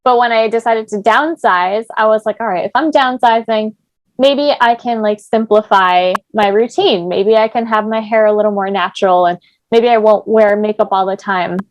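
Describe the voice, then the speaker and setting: A young woman hosts a podcast in a casual chat, her mid-range voice moving at a normal speed on a dry recording. She's chatty and peppers her talk with plenty of "like" fillers.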